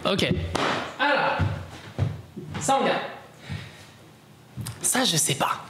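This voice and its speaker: A man's voice: high-pitched, big pitch swings, drawn-out words. Chatty male streamer in a roomy space. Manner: chatty, reacting playfully to viewers' comments. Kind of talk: casual live-stream chat. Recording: roomy echo, faint background noise.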